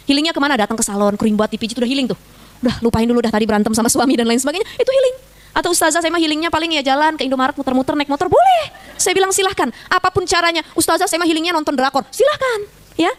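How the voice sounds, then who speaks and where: A woman preacher, giving a chatty, joking religious talk to a group of women and often asking them questions. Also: high voice. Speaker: female Islamic preacher.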